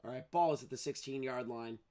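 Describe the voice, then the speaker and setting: A man's voice: mid-range voice, fairly quick, a little mellow. A man streaming live play-by-play commentary on a football game, calling each play and dropping casual, sarcastic asides.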